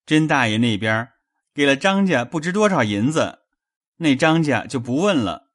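Brief: woman doing a frightened young male servant, groveling and rushed, voice dropped low, lively pitch. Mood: cowering, pleading. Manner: pleading, hurried, fearful.

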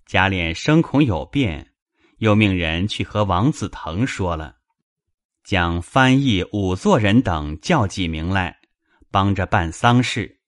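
A man narrating a classic novel in a measured dramatized reading, also taking the men's parts. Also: low voice, animated, no room sound, clean studio sound. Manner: measured storytelling, also voicing male characters.

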